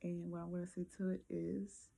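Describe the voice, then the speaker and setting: A woman talking casually to her viewers late at night before bed, thinking aloud with many pauses and fillers. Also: on the low side, little pitch movement, vocal fry, dark tone. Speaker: vlogger.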